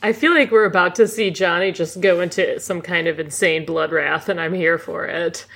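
A woman's voice: on the low side, normal speed, a bit bright. A woman playing a tabletop game, chatting in a playful, talkative way. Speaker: player. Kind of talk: casual tabletop play.

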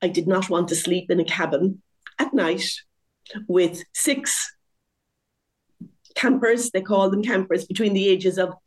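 A woman in her sixties, a guest telling her story in a lively, conversational interview, laughing often at herself. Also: medium pitch, measured pace, pauses often. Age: 60s.

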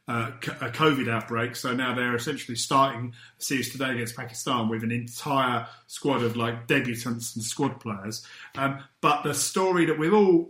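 A man's voice: medium pitch, a bit bright. A man hosting a casual sports podcast, joking wryly and rambling through restarts. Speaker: podcast host. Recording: roomy echo.

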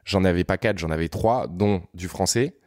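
A French man in his thirties with a very low voice recounts his youth as a podcast guest. His delivery is loose and slangy, full of little asides to the listener. The sound is dry and close-miked. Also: moderate pace, a little mellow, no echo. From France. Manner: rambling, slangy, frequent "tu vois" asides. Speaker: podcast guest, content creator. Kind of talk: casual storytelling conversation.

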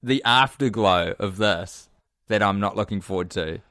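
A man's voice: lowish voice, normal speed, sharp tone, no room sound, studio quality. A man co-hosting a podcast in casual chat, blunt and exasperated with a sardonic edge. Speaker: podcast co-host.

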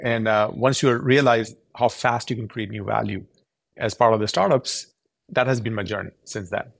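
A man's voice: on the low side, fairly even intonation, normal speed, gravelly, a bit bright, dry recording. A man in his forties from Pakistan, giving earnest, explanatory answers as a podcast guest. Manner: earnest, explanatory, with frequent restarts. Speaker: tech company founder, guest.

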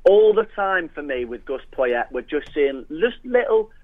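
A man's voice: fairly high pitch, big pitch swings, unhurried, no echo. A man chatting casually about football as a guest over a telephone. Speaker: phone-in podcast guest. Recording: dull phone line.

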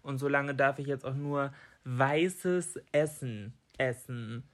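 A man's voice: mid-range voice, steady tone, slow. A man chatting casually as a podcast co-host in an informal, colloquial way. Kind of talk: casual chat.

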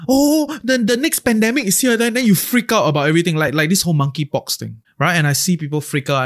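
A Singaporean man hosting a podcast, talking conversationally in an animated way with Singlish turns of phrase and frequent checking tags. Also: a little high. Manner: animated, acts out imagined reactions, often tags points with "right?" and "okay?". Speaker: podcast host. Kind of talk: conversational podcast monologue with Singlish particles and slang.

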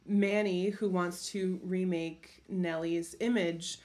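Woman, podcast co-host, casual film chat, animated, sarcastic, exasperated rant. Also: lowish voice, slow.

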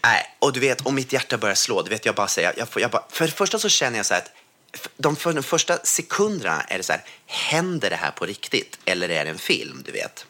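A man's voice: mid-range voice, very animated, pushed and bright. A man from Sweden telling a personal story in casual conversation, words tumbling out with many restarts. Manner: vivid, tumbling retelling full of restarts.

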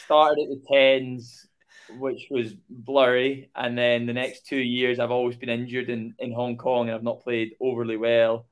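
A man's voice: mid-range voice, completely flat delivery, unhurried, clean tone, muffled recording. A man from Ayr with a Scottish accent, answering casually as a rugby captain being interviewed. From Ayr, Scotland. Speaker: rugby sevens captain, podcast guest.

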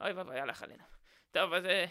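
A man's voice: sits high, bright, forceful tone. A man playing a cranky old grandfather stuck in quarantine, hosting a comedy podcast and snapping at people. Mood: grumbling. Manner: grumpy, snaps and scolds. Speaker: host.

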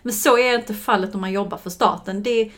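A woman co-hosting a podcast, relaxed and chatty, often agreeing with her co-host during a sponsor segment. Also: medium pitch. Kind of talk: casual podcast chat with sponsor read.

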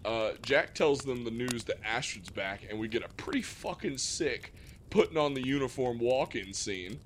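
A man's voice: medium pitch, expressive, normal speed, slight background noise. A man co-hosting a podcast, casually recapping a film plot in a laid-back way. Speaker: podcast co-host. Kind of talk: casual film review chat.

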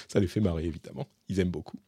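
A man's low, dark voice with a breathy edge carries a casual Q&A monologue he hosts, wandering along with fillers and restarts. The recording is dry and studio-clean.

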